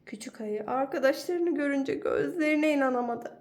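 A woman teacher reading a children's storybook aloud in an expressive, animated way. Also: high-pitched, moderate pace.

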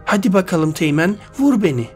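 A man voicing a taunting male cyborg with a spider-drone face, speaking with exaggerated calm. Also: sits high, a little fast, soft background music, pitched above the performer's own voice.

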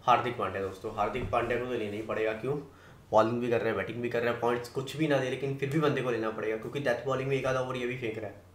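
A man giving fantasy cricket team tips in fast casual talk, confident, often checking in with his listeners. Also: medium pitch, fairly even intonation, roomy sound, a little hiss or hum. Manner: rapid, confident, keeps tagging "है ना" and "दोस्तों".

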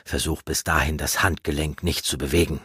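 A man voicing a stern, gruff old male mentor giving commands in a fantasy audiobook. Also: extremely low pitch, steady tone, brisk, bright, forceful tone, dry recording, studio quality, voice pushed down, exaggerated voice.

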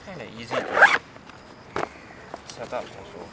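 Laid-back male fishing vlogger, slow easygoing talk, loud outdoor noise behind. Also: medium pitch. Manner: relaxed, unhurried, thinking aloud. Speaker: fishing channel host. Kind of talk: casual vlog narration.

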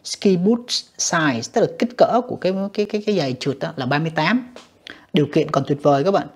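A man walks students through an exam in a slightly husky voice, repeating himself and calling to the class often. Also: a little high, lively intonation, fast talker, darkish tone. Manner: repetitive, addresses students directly with many fillers. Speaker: English teacher. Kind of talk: exam walkthrough lesson.

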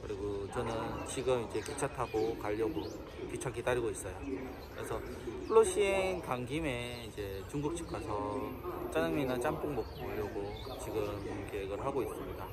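A man's voice: lowish voice, moderate pace, a loud crowd. A man talking through a face mask in a casual, chatty vlog narration to the camera while he waits outdoors for a train. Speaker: vlogger, photographer. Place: outdoors, waiting at a train station. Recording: outdoor street and traffic noise. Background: urban traffic noise.

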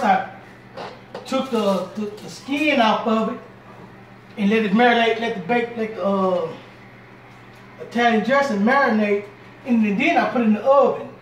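A man's voice: sits high, far from the mic. A middle-aged man hosting a casual home cooking demonstration, chatting and repeating himself as he works around a small kitchen. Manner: talks while moving around the kitchen. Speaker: home cooking show host. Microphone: camera on tripod across the kitchen. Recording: roomy sound from a camera across the kitchen, noisy. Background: clatter of pots and dishes.

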